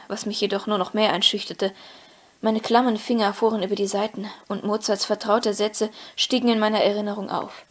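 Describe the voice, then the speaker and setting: A woman reads a novel aloud in a measured, expressive way. Her pitch sits in the middle for a woman, and her pacing follows the story. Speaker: audiobook reader. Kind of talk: scripted audiobook narration.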